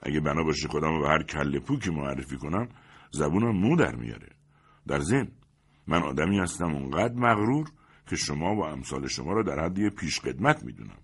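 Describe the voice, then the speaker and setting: A man's voice: very deep voice, breathy edge, heavily acted. Man doing a haughty, aloof gatecrasher. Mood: disdainful. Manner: calm, haughty and disdainful. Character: arrogant, aloof swarthy man, wedding gatecrasher.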